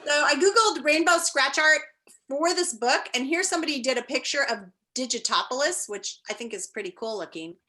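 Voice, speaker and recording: Her voice is high-pitched, bright and expressive, with a forceful, brisk delivery. She's a teacher speaking indoors over a video call, reading aloud and chatting to an online class in an enthusiastic, encouraging way.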